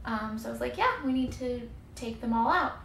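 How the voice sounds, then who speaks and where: A woman's voice: fairly high pitch, animated, fairly quick, creaky, fairly bright tone, reverberant, slight background noise. A woman in her twenties telling a personal story in a casual, chatty, rambling way, often interrupting herself and exaggerating for effect. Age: 20s. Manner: chatty, rambling, self-interrupting, given to hyperbole.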